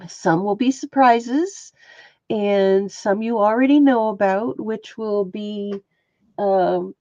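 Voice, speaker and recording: A textile artist with a stuffy, sniffly nose hosts a relaxed crafting livestream, greeting viewers by name while showing her stitching. Her voice is medium-pitched and darkish, and the recording is muffled with no echo.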